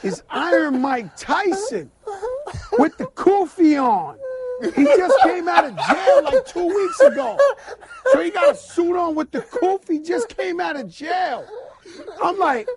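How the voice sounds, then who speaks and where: A man, a radio guest, telling an animated story and acting out the quotes with shouts and laughs. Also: very high-pitched, measured pace, a loud crowd. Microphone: radio studio mic.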